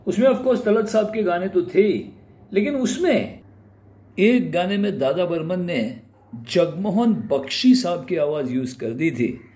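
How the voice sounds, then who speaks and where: A man with a high, animated, mellow voice hosts an informal talk explaining film music history at a measured pace, speaking Hindi mixed with English words. He names artists respectfully, and the recording has a roomy echo and faint background noise.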